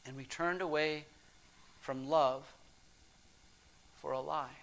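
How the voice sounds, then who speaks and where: Man, preacher, sermon, high-pitched voice, expressive, hushed then emphatic. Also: takes it slowly, creaky.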